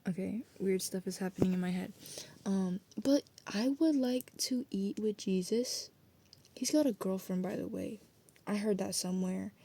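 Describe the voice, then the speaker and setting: A woman's voice: mid-range voice, normal speed, vocal fry, mellow. A young adult woman rambling casually in a late-night vlog, swearing freely and drifting between thoughts. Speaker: student vlogger.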